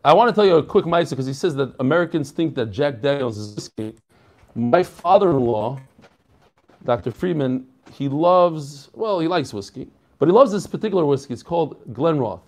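Lively joking man teaching Talmud. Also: on the high side. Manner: joking and animated, sprinkles in Hebrew and Yiddish terms; frequent restarts and self-corrections. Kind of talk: casual daily Talmud class.

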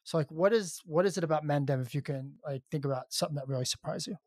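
A man with a slightly high voice co-hosts a podcast. He asks questions conversationally, rewording them as he goes, in a dry recording with little room sound. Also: quick pace, darkish tone, no echo. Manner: conversational, rephrases his questions. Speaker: podcast co-host. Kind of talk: casual interview questioning.

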